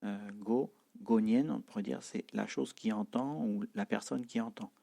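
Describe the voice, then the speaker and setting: Guy slowly teaching a language, low dark gravelly voice, lots of ums and repeats. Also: steady tone. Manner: hesitant, many filler sounds, repeats example phrases. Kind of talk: slow explanatory language lesson.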